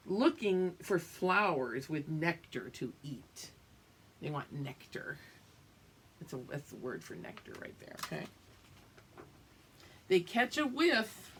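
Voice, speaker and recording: Low-pitched with a breathy edge, a female teacher reads a picture book to young children. She stretches the narrative out expressively and keeps explaining it and checking on her listeners.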